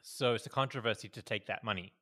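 Speaking fast into a podcast mic on a video call, this co-host has a lowish voice with a bright, forceful tone. The man keeps the casual chat agreeable, repeating short affirmations often.

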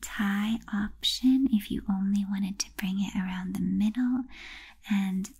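A young woman whispering softly and slowly in an ASMR video, with a breathy, unvoiced delivery. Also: mid-range voice, steady tone. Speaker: ASMR creator.

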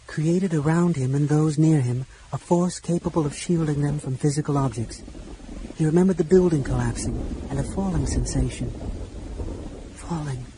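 A man narrating a fantasy audiobook, shifting between shouted lines and hushed whispers for the characters. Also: mid-range voice, slight background noise, poor audio. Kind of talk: dramatic audiobook reading.

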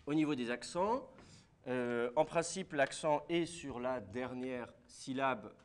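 A man's voice: medium pitch, takes it slowly. Man teaching a class. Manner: explains step by step, asks the class questions. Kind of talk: classroom lecture.

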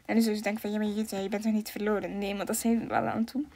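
A woman's voice: mid-range voice, flat delivery, fast, dark tone. A woman with a Flemish accent giving casual gameplay commentary, chatty, giggly and rambling. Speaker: gaming video maker.

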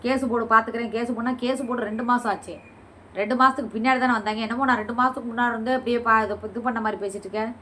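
A woman's voice: fairly high pitch, steady tone, very fast, pushed and bright, a little hiss or hum. A woman vlogger answering viewer comments in a combative, scolding and sarcastic way. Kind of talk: heated reply to comments.

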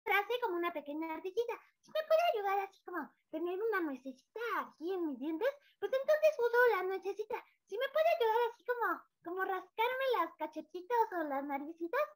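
A woman doing a squeaky little squirrel. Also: lively intonation, a little fast, hardly any pauses. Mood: playful. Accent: Mexican Spanish. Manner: chatty, playful, squeaky. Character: tiny chattering female squirrel. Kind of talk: voice-acting demonstration in a workshop.

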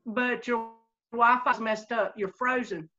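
Woman over a glitchy video call, bright tense voice, high-ish, unhurried, dull lo-fi call audio. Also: fairly even intonation. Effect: heard through a glitchy video call. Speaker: remote guest on a video call. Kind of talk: casual chat. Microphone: laptop or phone on a video call.

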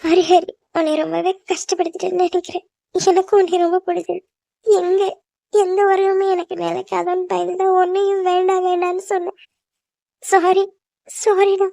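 A woman's voice: sits high, steady tone, brisk, dark tone, dry recording, clean studio sound. A woman voicing an anxious, emotional young orphaned woman in a cartoon drama. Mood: tearful. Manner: pleading, emotional.

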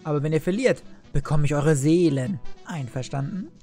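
A man's voice: fairly high pitch, animated, normal speed, dark tone, soft background music, natural voice. A man playing a gloating cartoon devil boss. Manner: gloating, bullying, giggling. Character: grinning, booming male devil casino boss.

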